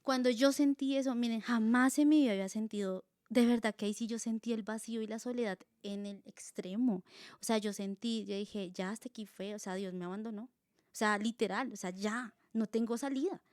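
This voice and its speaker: A young woman with a Colombian accent appears as a guest, sharing her personal faith testimony through lively, casual storytelling in which she acts out things she once said, with plenty of fillers. Her voice sits a little high and moves briskly, captured in studio quality with no echo.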